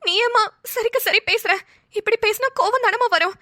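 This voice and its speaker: A woman voicing a gentle older woman who calmly coaxes a younger woman to stay patient. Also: very high voice, normal speed, a little hiss or hum, voice pushed up. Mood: coaxing. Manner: soothing, coaxing.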